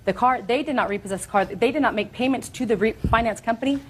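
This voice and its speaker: A woman's voice: a little high, fast talker, a little hiss or hum. A woman plaintiff arguing her case before a court.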